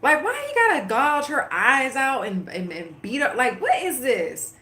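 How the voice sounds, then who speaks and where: A woman's voice: high-pitched, big pitch swings, measured pace, pushed and bright, roomy sound. A woman in casual chat while watching a movie, rambling and filling her talk with "like" and "you know". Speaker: livestream host.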